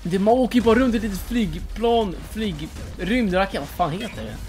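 A cocky gamer gives rowdy play-by-play commentary over a headset mic, yelling and trash-talking as the game goes on. The voice leaps wildly up and down in pitch. Game music plays clearly behind the talk. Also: animated. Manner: shouty, boastful, trash-talking. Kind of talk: excited gameplay commentary.

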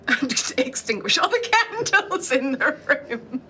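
A woman's voice: high-pitched, big pitch swings, takes it slowly, bright, forceful tone, recorded from a distance, a little hiss or hum. A woman chatting casually as a player at a tabletop game.

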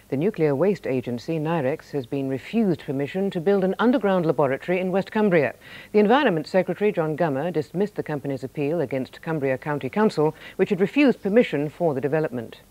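A male newsreader with a slightly higher-than-usual voice delivers the bulletin in a steady, measured way. The sound comes from a worn VHS tape copy, with a faint hiss and low rumble running underneath. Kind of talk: formal news bulletin reading.

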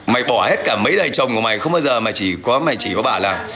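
On a livestream, a man rants aggressively, coarsely taunting both his viewers and a rival who isn't there. His gravelly, mid-range voice is expressive and racing, with a crowd audible behind him.

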